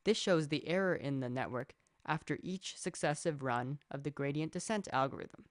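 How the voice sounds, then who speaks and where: A young man from Canada giving a steady, scripted narration that explains code as a student presenter. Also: a little high, normal speed, no room sound, studio quality. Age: young adult.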